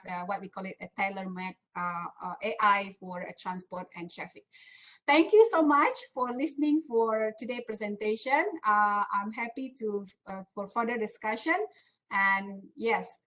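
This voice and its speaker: A woman researcher closes her webinar talk over a video call. Her voice sits a little on the high side, and she speaks haltingly, full of fillers and restarts. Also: fairly bright tone, poor audio. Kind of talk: closing remarks of an online presentation.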